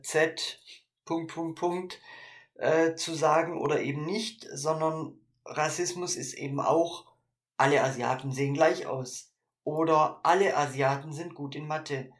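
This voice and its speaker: A man's voice: fairly high pitch, steady tone, slow. A man co-hosting a casual podcast, thinking aloud with frequent fillers and restarts. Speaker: podcast co-host.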